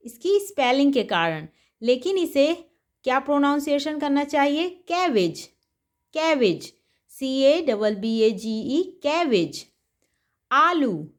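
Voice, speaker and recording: Slow, high-voiced Indian woman teaching. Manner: slow, repeats each word carefully for pronunciation. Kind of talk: vocabulary lesson for children.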